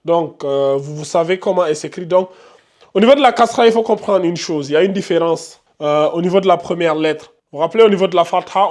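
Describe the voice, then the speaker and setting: A man teaching beginners to read Quran letters, patient, with frequent fillers and repetition. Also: high-pitched. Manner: patient, repeats himself, many filler "donc" and "euh". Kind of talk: casual beginner lesson at a whiteboard.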